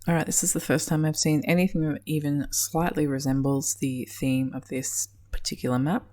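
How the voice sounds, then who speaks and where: A woman's voice: deep voice, little pitch movement, normal speed, mellow. An Australian woman giving casual gameplay commentary, muttering dryly to herself, swearing under her breath and often dropping into a whisper. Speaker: game commentator.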